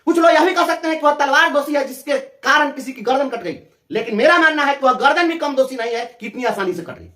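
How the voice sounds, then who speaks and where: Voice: high voice, animated, fast talker, few pauses, sharp tone, echoey room. A teachers' representative from Bihar with a Bihari Hindi accent, giving a fiery, sarcastic interview answer and repeating phrases for emphasis.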